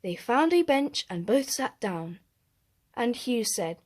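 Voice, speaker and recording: A woman with a fairly high voice reads a children's picture book aloud like a storyteller. She is expressive and deliberate, leaning on the rhymes.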